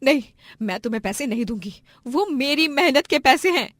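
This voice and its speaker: A woman acting out a tough village wife in a cartoon story, her voice high, sharp and shrill. She scolds hard and cries out loudly, with a dry, close sound. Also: lively intonation, very slow, no room sound, heavily acted. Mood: angry. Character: hardworking village woman fighting back.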